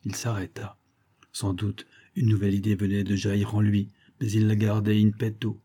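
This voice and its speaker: A man narrating a classic novel in a measured, steady reading voice. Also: fairly low pitch. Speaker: audiobook reader. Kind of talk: scripted narration.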